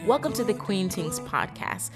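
A woman's voice: medium pitch, big pitch swings, normal speed, over music. Woman, podcast host, stuffy nose, emphatic, repetitive, motivational. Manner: emphatic, repeats words for stress, addresses listeners as queen. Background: painters working nearby.

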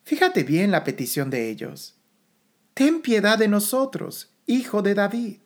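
Slow, emphatic woman preaching a sermon. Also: mid-range voice, very animated.

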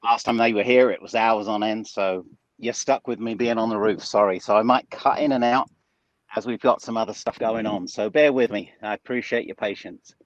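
A man's voice: fairly low pitch, fairly even intonation, normal speed, no room sound. A man co-hosting a casual live show from outdoors on a house rooftop, chatting in a joking, apologetic way. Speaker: co-host. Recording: dull band-limited internet call sound.

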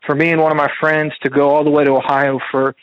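Man with a fairly high voice sharing his faith story, loose and rambling, heard through a slightly muffled radio recording. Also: little pitch movement, quick pace, clear, resonant tone, no echo. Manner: casual, rambling, many fillers and restarts. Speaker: speaker sharing a faith testimony. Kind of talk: personal testimony storytelling.

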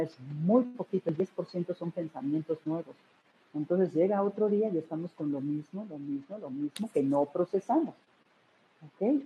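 Low-voiced woman teaching over tinny line. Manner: warm-hearted, explanatory, addresses listeners directly. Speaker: energy healing teacher. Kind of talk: spiritual wellness talk. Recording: tinny phone-like line with faint hiss.

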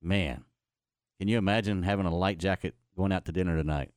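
A man's voice: low-pitched, brisk, a little mellow, smooth, no room sound, studio quality. A man hosting sports radio, presenting talk and updates to listeners.

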